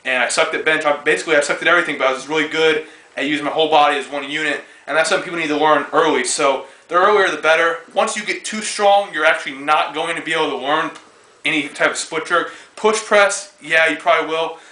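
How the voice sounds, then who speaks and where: A man's voice: on the high side, fairly even intonation, quick pace, pushed and bright. A twenty-year-old man, a strongman athlete and coach, giving a casual spoken lifting demonstration in a gym, talking between lifts with frequent fillers. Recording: echoey room, voice far from mic.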